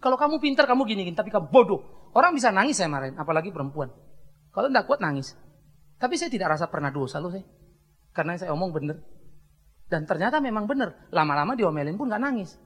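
A middle-aged male pastor delivers a sermon with a very lively, sweeping pitch. He is blunt and jokey, dropping into quiet asides and then rising into loud scolding. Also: fast, breathy edge. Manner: blunt, joking preacher swinging between soft asides and loud scolding.

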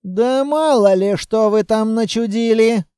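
A man reads a gruff, commanding squad leader who barks his orders loud and slow, in a dark voice with no room around it. The voice sits high but stays heavy. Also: no room sound, clean studio sound. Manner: barking orders loudly.

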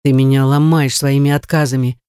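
A reader voicing a hot-tempered, pushy young man with a lower, blunt and insistent delivery, in an audiobook. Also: flat delivery, a little fast, mellow, clear, resonant tone, no echo, studio quality, close to an everyday voice. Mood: heated. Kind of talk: audiobook character voice.

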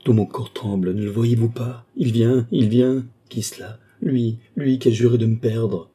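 A man's voice: mid-range voice, steady tone, normal speed, mellow, husky, natural voice. A man reading an audiobook, voicing a terrified, pleading young woman. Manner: pleading, frightened.

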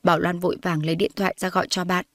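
A woman's voice: lowish voice, flat delivery, very fast, no echo, studio quality. A woman reading a story aloud and voicing every character's lines herself. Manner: reads all the characters' lines in her own voice, rising when characters shout. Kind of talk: scripted narration with voiced dialogue.

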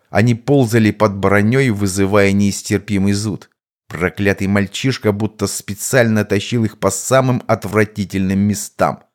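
A man reads an audiobook with a steady, even storytelling delivery. His voice sits slightly low for a man. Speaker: audiobook narrator. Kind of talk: scripted audiobook narration.

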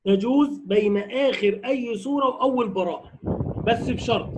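High-voiced man teaching recitation. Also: background noise. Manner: patient explaining, often switching into slow melodic recitation. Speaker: teacher of Quran recitation rules. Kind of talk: spoken lesson with chanted recitation examples.

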